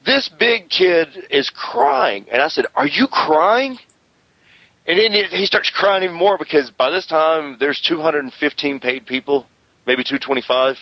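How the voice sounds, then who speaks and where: A man's voice: a little high, normal speed, no room sound. A man hosting a wrestling radio show, telling stories in a boastful, rambling way. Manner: animated, boastful, rambling storyteller. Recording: slightly dull radio audio.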